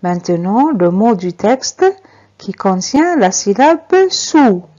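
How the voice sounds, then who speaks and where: Very slow, lively woman teacher spelling syllables. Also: medium pitch. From Algeria. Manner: spells out letters and syllables, repeats each word. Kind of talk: reading lesson for beginners. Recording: slightly dull lo-fi recording.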